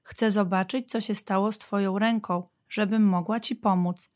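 A woman voicing a patient, gentle mother badger in a storybook reading, calm and reassuring. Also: mid-range voice, normal speed, natural voice. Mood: soothing.

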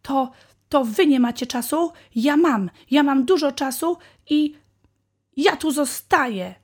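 A woman voicing a small, stubborn bunny boy in a storybook, sulky and then shouting in protest. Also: lowish voice, slow pace. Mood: upset.

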